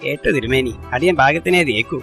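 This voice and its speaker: A sly servant in a kids' cartoon, bowing to his lord aloud and grumbling sarcastic remarks under his breath. His tone is rough and gravelly. His lines stay lower and quieter than his master's. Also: fairly quick, soft background music. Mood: humble. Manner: mutters sarcastic asides, humble address.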